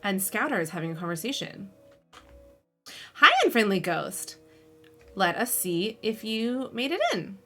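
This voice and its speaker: A woman's voice: mid-range voice, lively intonation, a little slow, long pauses. A woman hosting a live game stream, chatting casually, giggling and reading out narration. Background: faint music.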